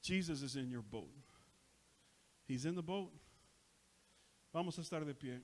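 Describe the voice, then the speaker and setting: A man preaching a sermon, saying each line in Spanish and then again in English, building to loud shouted peaks. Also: a little high, measured pace. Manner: impassioned, swells to shouting on key lines. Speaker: pastor. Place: church sanctuary.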